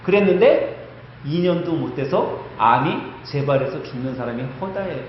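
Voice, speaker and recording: A male pastor preaches with lively energy and keeps tossing questions out to the congregation. His voice sits high and swings widely. The sound rings around a big hall with a long echo. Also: normal speed, slight background noise. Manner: animated, asking the congregation questions. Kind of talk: sermon. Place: church sanctuary. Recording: echoey church hall, muffled.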